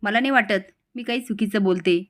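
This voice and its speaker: A woman voicing an angry, scheming middle-aged mother who scolds her son in a shrill, raised voice. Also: normal speed, fairly bright tone, lightly acted. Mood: angry, scolding.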